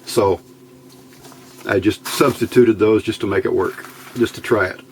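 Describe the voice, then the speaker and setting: A man's fairly low voice, a little slow and fairly even in intonation, guides a casual hands-on electronics demo at his indoor workbench. The hobbyist presenter thinks out loud in short phrases, and the home-video audio is noisy.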